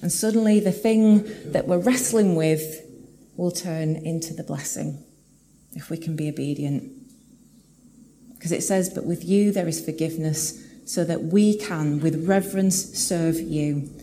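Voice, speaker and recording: A woman preaching a sermon in a church, earnest and reflective, slowing down to read scripture aloud. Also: low voice, mellow, slight background noise. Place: church hall with live audience.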